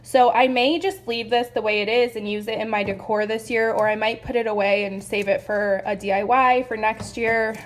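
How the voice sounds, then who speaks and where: A young woman chatting excitedly through a home decor haul, gushing and a little out of breath. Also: on the high side, normal speed, few pauses. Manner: gushing, chatty, lots of "like" and "you guys". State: a bit out of breath. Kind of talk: casual haul video.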